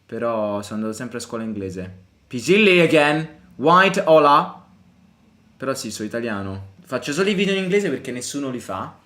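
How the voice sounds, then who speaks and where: A young adult Italian man, medium-pitched and a little fast, hosts a live football watchalong for his fan channel. Between excited reactions to the match, he chats casually and takes questions from viewers.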